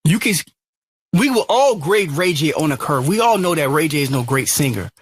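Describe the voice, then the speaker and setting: Man co-host, lively pitch, insistent, dry room. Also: a little fast, husky, dry recording. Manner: insistent, animated arguing. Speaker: podcast co-host. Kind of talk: casual chat.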